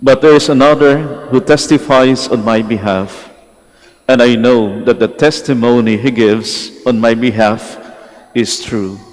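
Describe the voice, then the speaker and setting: Male priest, mid-pitched, slow and solemn gospel reader, cathedral echo. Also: fairly even intonation. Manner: slow, measured, solemn delivery. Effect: long cathedral echo. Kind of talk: liturgical gospel reading. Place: large church during Mass. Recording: long reverb of a large church.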